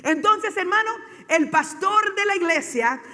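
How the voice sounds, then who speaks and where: Man preaching, very high voice, bright, impassioned sermon, call-and-response, long church reverb. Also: lively intonation, a little slow. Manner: impassioned, repetitive, leads the congregation in repeating phrases. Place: church sanctuary.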